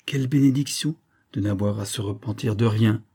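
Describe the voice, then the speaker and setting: A man reading the part of a scheming, smooth-talking middle-aged army major, pompous and theatrical, mock-affectionate toward his wife. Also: lowish voice, normal speed, dark tone. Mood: mock-tender.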